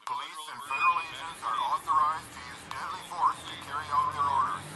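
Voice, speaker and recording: A man's voice: on the high side, fast talker, heavy background noise. A man as a stern police officer over a bullhorn. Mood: commanding. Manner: commanding, formal, clipped orders. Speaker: police officer announcing martial law.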